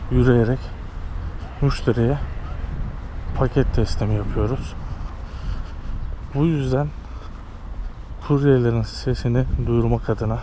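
Male street vlogger with noisy outdoor sound. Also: mid-range voice. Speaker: courier vlogger and interviewer. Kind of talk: casual street interview and vlog commentary. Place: outdoors on city pavements. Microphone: action camera worn by speaker. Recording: outdoor street and vehicle noise.

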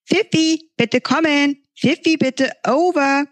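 A woman's voice: high voice, takes it slowly, voice pushed up. A woman voicing a brave young girl in a storybook reading, calling out urgently. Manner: urgent, breathy walkie-talkie calls.

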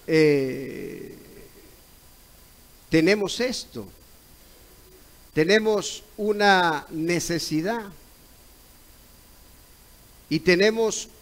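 Slow-talking high-voiced Mexican preacher man. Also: vocal fry, poor audio. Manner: retells a dialogue, repeating "correcto" and "¿ve?"; rises to loud exclaimed cries when acting out others. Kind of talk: Sunday school sermon.

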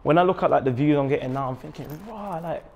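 A man's voice: on the high side, quick pace, creaky, muffled recording. A man, a guest in a casual interview, laid-back and reflective, often checking in with tag questions. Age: 20s. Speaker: musician guest. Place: small office studio.

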